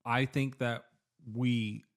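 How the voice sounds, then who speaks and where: A man chatting casually about films, animated, with his pitch swooping as he makes his points. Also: takes it slowly. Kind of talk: casual film chat.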